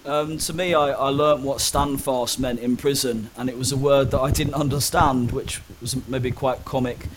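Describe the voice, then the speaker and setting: His medium-pitched voice holds a fairly even intonation at normal speed with few pauses, over slight background noise. He's a young interview guest telling personal stories frankly in conversation, still hesitant, with many ums and restarts.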